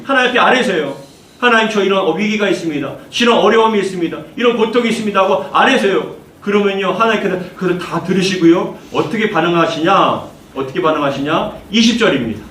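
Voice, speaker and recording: A high-pitched, animated male pastor speaks quickly with a somewhat bright voice as he delivers a fervent sermon in a church sanctuary. He repeats key phrases and walks the congregation through scripture readings, captured by a distant mic in an echoey hall with faint noise.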